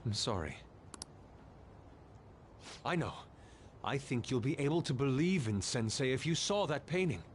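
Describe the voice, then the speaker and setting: A man's voice: medium pitch, sing-song, measured pace, pauses often, a little hiss or hum. A man playing a proud young art student in a video game, speaking formally and theatrically like an anime rival. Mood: earnest, formal. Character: proud young male art student, fiercely loyal to his teacher. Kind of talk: English video game voice acting. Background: game music.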